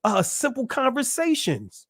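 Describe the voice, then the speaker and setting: A man's voice: extremely high pitch, huge pitch swings, a little slow, fairly bright tone. A man giving a casual religious teaching talk, emphatic and repetitive, often asking rhetorical questions and laughing between points. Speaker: channel presenter.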